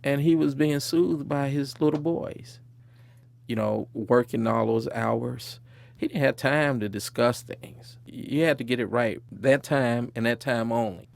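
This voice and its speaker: A man's voice: mid-range voice, unhurried, creaky, no room sound. A man being interviewed, recalling his childhood in a reflective way and chuckling now and then. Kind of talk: personal storytelling interview.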